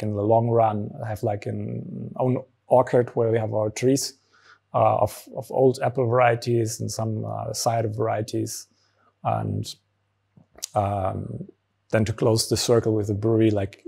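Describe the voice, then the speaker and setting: A man in his thirties with a German accent, a brewery founder answering interview questions in a relaxed way with many fillers, on a lapel mic in a barrel room. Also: lowish voice, creaky, slightly rough. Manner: frequent fillers, relaxed explaining. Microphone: small lapel mic.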